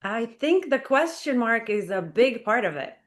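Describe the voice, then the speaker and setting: An earnest Israeli woman, a playwright and performer, appears as a guest on a talk radio interview, speaking into a studio microphone. Her slightly high voice is very animated and moves at a normal speed, filled with "like" and "you know."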